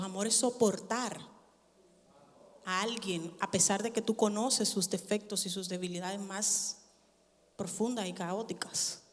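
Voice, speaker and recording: A woman pastor preaching a sermon in a church, expressive, with humor and sarcasm. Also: medium pitch. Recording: church hall reverb.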